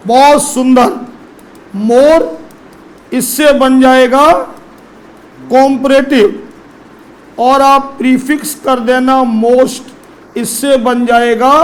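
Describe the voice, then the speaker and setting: High-voiced male teacher, slow and coaxing. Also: low-quality recording. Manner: addresses students as children, asks them questions. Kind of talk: classroom lesson on English grammar.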